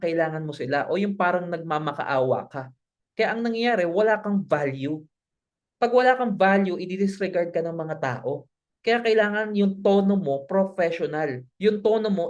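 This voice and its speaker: Mentor voice for an online sales-training lesson: casual, direct, coaching tone, mid pitch, mixes English phrases in. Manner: coaching, talks straight to viewers, acts out sample pitches. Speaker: networking business mentor.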